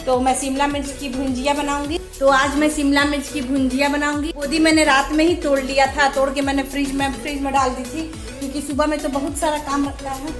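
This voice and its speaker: A woman, chatting quickly and freely to camera at home as a home vlogger. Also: high-pitched. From Jharkhand, India. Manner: chatty, talks fast. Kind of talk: casual chat to camera. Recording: echoey room with faint music.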